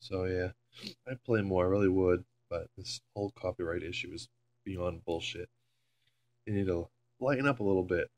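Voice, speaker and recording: A deep-voiced man speaking at normal speed films himself on a phone in a carpeted room, chatting, cursing and wandering off topic. The homemade clip is marred by a loud hum.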